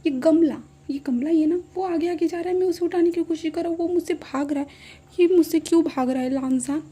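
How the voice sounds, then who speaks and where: A woman's voice: very high voice, brisk, warm tone, pitched above the performer's own voice. A woman voicing a drunk, whiny young man who complains in a pouting, childish way. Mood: tipsy childish.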